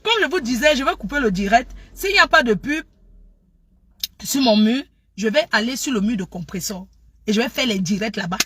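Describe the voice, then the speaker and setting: Loud, animated woman live-streaming. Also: fairly high pitch, moderate pace, husky. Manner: loud, animated and scattered, full of restarts. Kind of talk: casual live-stream chat. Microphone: phone.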